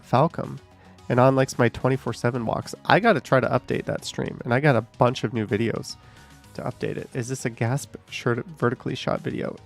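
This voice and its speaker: A man in his thirties works through viewer comments on a live stream, reading them aloud and tossing off dry asides. His voice has a gravelly, fry-edged texture at a middling pitch. Faint music plays underneath. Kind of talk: casual live-stream chat.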